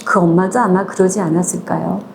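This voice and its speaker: A woman's voice: lowish voice, fairly even intonation, fairly quick, vocal fry, a little hiss or hum. A woman retelling a short story in a conversational, chatty way, moving between polite and casual speech and acting out the quoted lines. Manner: acts out quoted lines in small voices.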